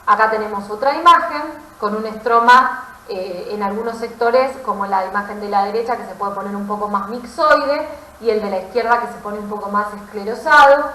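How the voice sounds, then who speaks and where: Speaking at a medium pitch, brisk and nearly pauseless, this pathology lecturer sounds pushed and bright. She's a physician with an Argentine accent, teaching medicine didactically and frequently tossing in short tag questions to confirm understanding, captured in an echoey, roomy recording.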